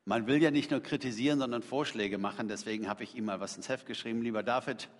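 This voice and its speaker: A man's voice: medium pitch, quick pace. A middle-aged man preaching a sermon in a conversational, emphatic way, throwing rhetorical questions to his congregation. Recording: long reverb of a large hall.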